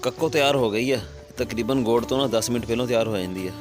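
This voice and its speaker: Fast-talking Punjabi village vlogger. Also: male voice, medium pitch, over music. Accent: Pakistani Punjabi. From Pakistani Punjab. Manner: chatty, explains as he goes. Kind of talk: casual vlog narration.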